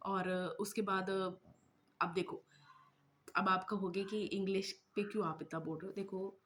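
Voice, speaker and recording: A woman's voice: medium pitch, flat delivery, unhurried, a bit bright, slight background noise. Chatty woman vlogging. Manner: chatty, mixes English words into Hindi, many fillers. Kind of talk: casual talking-head vlog.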